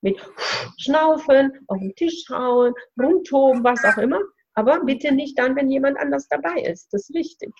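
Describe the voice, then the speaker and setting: A spiritual coach offers instructive advice in a casual coaching conversation, explaining things in a high voice at normal speed. The audio is dull, and there's background noise.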